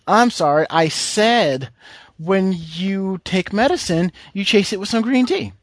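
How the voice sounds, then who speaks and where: Animated, opinionated male podcast host. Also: high voice, a little slow, no echo. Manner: opinionated, emphatic repetition. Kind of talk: casual banter. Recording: music playing behind the voice.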